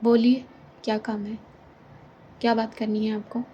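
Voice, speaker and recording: A woman's voice: on the high side, little pitch movement, moderate pace, warm tone, natural voice. Woman playing a cold young woman, curt, controlled, tired, faint background hiss. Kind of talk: audio drama reading.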